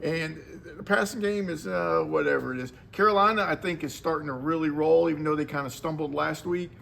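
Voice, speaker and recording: A man co-hosting a casual football chat, rambling with halting restarts as he gives his picks. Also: fairly high pitch, creaky, a bit bright. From Florida. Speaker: co-host.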